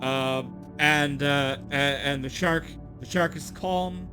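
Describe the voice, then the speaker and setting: Brief: easygoing male game master, a touch high in pitch, steady music bed. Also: slow. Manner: relaxed, laughing narration with fillers. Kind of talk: narrating a tabletop game.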